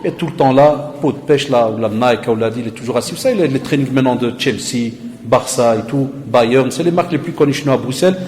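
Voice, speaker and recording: A man giving a lively, conversational sermon full of acted-out dialogue. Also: mid-range voice, a little fast, long reverb tail. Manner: animated, conversational, dialogue-acting. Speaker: preacher, lecturer.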